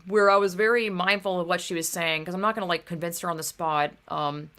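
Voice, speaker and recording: A woman's voice: on the low side, fairly even intonation, fairly quick, a bit bright. A young woman vlogging in a casual, heated monologue, swearing often and filling her talk with "like" and "dude.".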